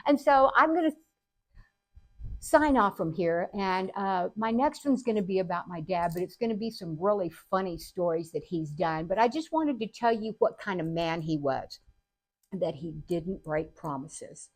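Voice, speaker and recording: A woman's voice: lowish voice, animated, moderate pace. A woman vlogging, telling family stories to camera in a chatty, earnest way and laughing often. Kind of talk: casual storytelling to camera.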